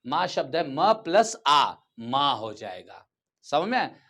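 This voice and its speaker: A man's voice: a little high, big pitch swings, pushed and bright. A man teaching a grammar lesson to children, stretching out words and often asking whether they follow. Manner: repeats words slowly and checks understanding.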